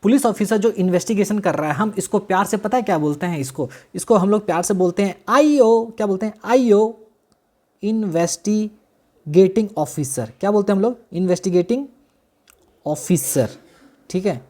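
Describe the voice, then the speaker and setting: With a high-pitched, animated and slightly mellow voice, a man teaches law to his class. He mixes Hindi and English legal terminology, repeats important phrases slowly, and asks his students questions.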